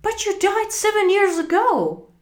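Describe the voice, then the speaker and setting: Woman doing a shrill, grumpy old Scrooge. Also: very animated, slow, exaggerated voice. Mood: startled. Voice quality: loud, high and shrill. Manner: snapping, grumbling. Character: mean cold-hearted old miser, male.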